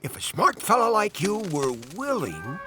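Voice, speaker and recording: An actor playing a sly, smooth-talking adult animal who tempts a boy with insinuating, drawn-out hints, in a radio drama. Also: sits high, wildly swooping pitch, pushed and bright, soft background music, exaggerated voice. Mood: sly coaxing.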